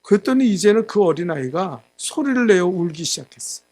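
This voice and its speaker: A male pastor giving a sermon, telling a story and acting out the quotes, growing loud at the high points. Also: lively intonation, a little fast. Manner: storytelling with acted quotes, rising loud at climaxes. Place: church sanctuary.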